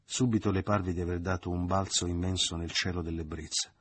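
A man reads a novel aloud with measured, expressive storytelling. His voice is very low and husky. It is a dramatic literary reading. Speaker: audiobook reader.

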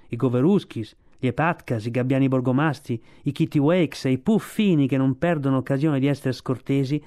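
A man reading a storybook aloud, steady storytelling narration. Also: mid-range voice. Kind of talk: audiobook narration.

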